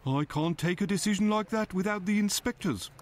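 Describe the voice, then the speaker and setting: A man playing a higher-voiced naive constable. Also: a little fast, close to an everyday voice. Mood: polite. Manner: polite, hesitant. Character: dutiful male police constable, a bit naive.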